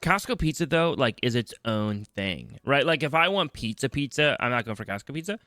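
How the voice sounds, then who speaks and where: A man's voice: medium pitch, lively intonation, a little fast, pushed and bright, dry recording, studio quality. A man with a Northeastern US accent, hosting a casual gaming podcast with a groggy just-woken voice, joking and rambling and repeating himself. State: groggy morning voice. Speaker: podcast host. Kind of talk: casual chat.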